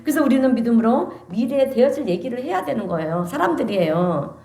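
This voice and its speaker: Female pastor, lively sermon delivery, somewhat high voice, echoey church sanctuary sound. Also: fast talker, soft background music. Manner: animated preaching, calls for amens from the congregation.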